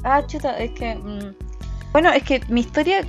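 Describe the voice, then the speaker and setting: A woman's voice: high voice, lively intonation, normal speed, lo-fi sound, faint music behind. A woman with a Chilean accent, co-hosting a podcast in casual chat, giggling and restarting her sentences. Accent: Chilean Spanish. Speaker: podcast co-host.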